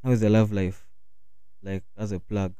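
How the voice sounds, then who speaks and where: A young man with a lowish, mellow voice hosts a casual conversation. He speaks in slangy urban street talk and asks questions loosely, in a dry, close sound. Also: flat delivery, moderate pace, clean tone, no room sound. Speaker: talk show host. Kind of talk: casual chat, interviewing.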